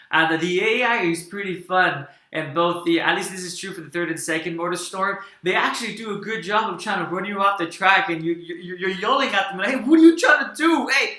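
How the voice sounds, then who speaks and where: A man's voice: on the high side, sharp tone, echoey room. A man giving a casual, enthusiastic video game review, rambling with fillers and restarts.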